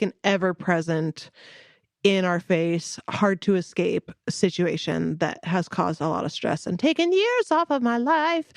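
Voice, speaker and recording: A woman's voice: lowish voice, no echo. Chatty woman podcast co-host, dry sound. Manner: chatty and rambling, laughs often. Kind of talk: casual chat.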